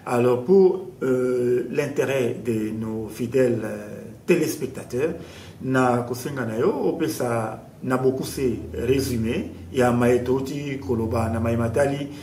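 A man from DR Congo, hosting a TV interview and asking questions formally and politely. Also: darkish tone. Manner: formal and polite, mixing in Lingala. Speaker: TV show host. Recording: roomy echo with faint rumble.

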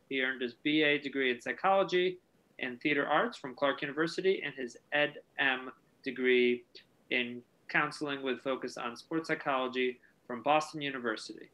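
A man reading a scripted guest introduction for a podcast, smoothly. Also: mid-range voice, sharp tone, poor audio.

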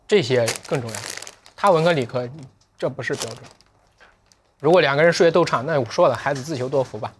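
A man hosting a livestream, chatting casually in a reflective, joking way, sometimes switching to slow, careful English. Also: medium pitch, slight background noise. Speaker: livestream sales host.

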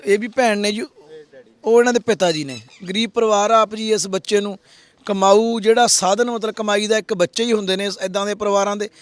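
A man makes an earnest appeal, pleading and repeating his requests. His voice sits fairly high and is recorded close and dry. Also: fairly even intonation, fairly quick, no room sound. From Punjab, India. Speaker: social worker, host of an appeal video. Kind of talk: public appeal to viewers.

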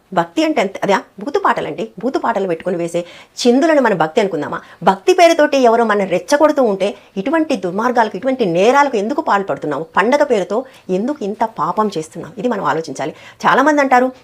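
A woman delivers impassioned commentary at a very fast clip. Her pitch sits in a middle register, and she presses her points with a stream of emphatic rhetorical questions.

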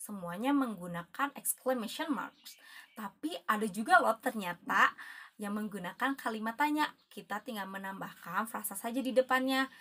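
Bright-voiced woman teaching a lesson. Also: on the high side. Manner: cheerful, addresses students as guys, shifts between Indonesian and English examples. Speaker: English teacher. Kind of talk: recorded video lesson.

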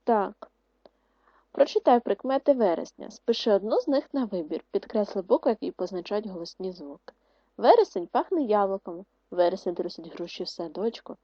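A woman teacher giving an online lesson to second graders, speaking slowly and clearly and sounding out vowels one by one. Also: mid-range voice, no room sound, dull audio. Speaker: primary school teacher.

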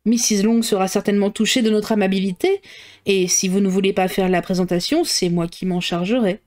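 A woman reading a novel aloud, voicing a dry, teasing middle-aged father who speaks in a slow, ironic, mocking way. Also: medium pitch, steady tone, a little mellow, close to an everyday voice. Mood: wry.

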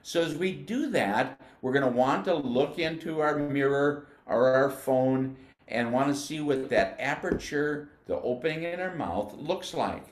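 An older man from the United States teaching band, explaining flute technique patiently and sounding out syllables slowly. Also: medium pitch, reverberant. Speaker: music educator. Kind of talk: instructional demonstration.

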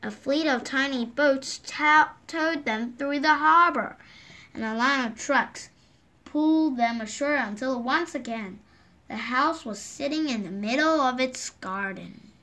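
Slowly and gently, a storybook reader with a high, bright voice reads a picture book aloud, lifting her voice for quoted lines. She sits indoors at a table while a phone or camera records the book from above.

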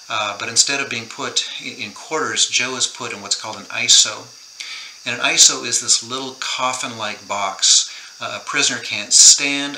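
A middle-aged man, an author, recounts a true story in a conversation, earnest and full of fillers and restarts. His slightly low voice carries a bright, forceful edge. The recording has a roomy echo and faint background noise. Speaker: author guest.

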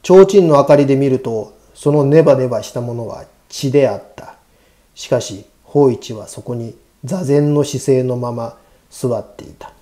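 Male narrator for horror audiobook: hushed, eerie, deliberate, mid-pitched with a very dark, soft-edged tone. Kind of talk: scripted ghost story narration.

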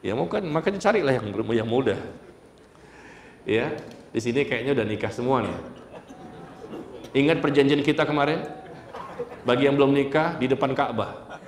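Man, Islamic preacher, lively joking sermon, echoey hall from far off. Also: normal speed, pauses often, a little hiss or hum. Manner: animated storytelling, jokes with the audience, sudden high exclamations. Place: mosque hall.

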